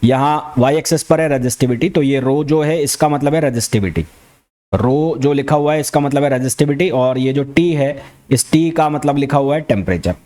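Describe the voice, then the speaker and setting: In a fast-paced physics revision lecture, an Indian-accented educator echoes key terms back as questions. He speaks quickly in a warm, medium-pitched voice.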